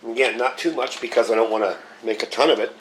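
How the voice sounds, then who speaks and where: This man talks fast in a medium-pitched voice that's slightly scratchy because he's getting over a cold. Hosting his casual cooking vlog, he stays easygoing and explains every step as he handles his equipment.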